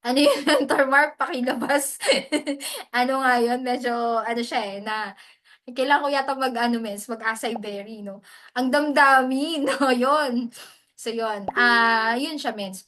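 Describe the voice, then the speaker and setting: A woman's voice: on the high side, bright, forceful tone. A woman giving a chatty, casual lesson on hosting, often slipping English into her talk. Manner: chatty, mixes English into Tagalog, often adds "mens". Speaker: hosting mentor.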